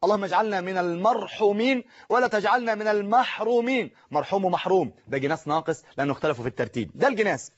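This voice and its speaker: A man with an Egyptian Arabic accent teaches a class in a high voice, reciting lines slowly and firing questions back at his students. The sound is dull and lo-fi, like an older television broadcast. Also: expressive. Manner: explains slowly, recites verses deliberately, quizzes the class.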